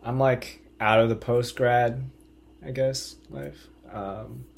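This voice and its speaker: A man in his twenties, a podcast guest, talking in a hesitant, laid-back, deadpan way. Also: medium pitch, slow, creaky. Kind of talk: casual chat.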